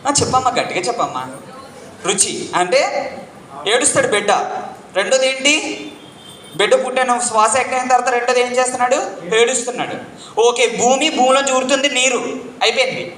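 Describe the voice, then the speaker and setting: A man giving an interactive spiritual lecture to a live audience, quizzing them and pressing them to answer loudly, repeating key points like a chant. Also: very high voice, brisk, pauses often, a little hiss or hum. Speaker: spiritual teacher. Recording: echoey room.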